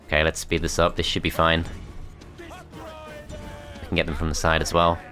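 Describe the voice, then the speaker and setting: Low-voiced man thinking aloud over a strategy game. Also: wildly swooping pitch, moderate pace, sharp tone, soft background music. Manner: thinking aloud, tentative and self-critical. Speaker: gameplay commentator.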